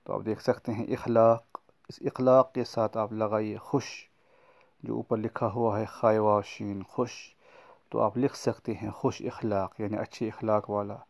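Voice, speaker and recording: A man's voice: fairly low pitch, flat delivery, vocal fry, a little mellow. A man teaching a recorded lesson to young schoolchildren, patiently explaining word meanings and repeating key points. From Kashmir. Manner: patient, explains words slowly and repeats them for children.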